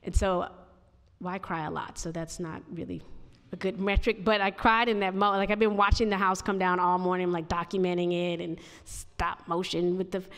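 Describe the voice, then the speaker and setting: A woman's voice: lowish voice, little pitch movement, a little fast. A woman with a Chicago accent, an artist and architect, answering questions at a lecture podium in a thoughtful, self-correcting way. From United States. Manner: reflective, frequent restarts and "like". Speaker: visiting artist and architect giving a talk. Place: large auditorium, speaking at a podium. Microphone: podium microphone. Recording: hall reverb in a large auditorium.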